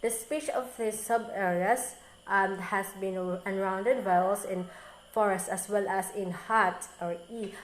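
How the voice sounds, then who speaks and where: Slow, halting woman reading slides. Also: medium pitch, reverberant, rough recording. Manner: halting, careful reading with frequent restarts on hard words. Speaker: student presenter. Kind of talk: reading a recorded class presentation.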